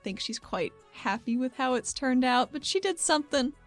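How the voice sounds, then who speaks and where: Over background music, a woman with a high, animated voice narrates her character's actions in a tabletop roleplaying game at normal speed. She improvises casually and informally, giggling as she goes, with no room sound audible.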